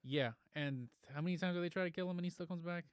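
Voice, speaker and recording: A man's voice: on the high side, quick pace, clean tone, no echo, clean studio sound. A man co-hosting a casual podcast chat, laid-back with short replies.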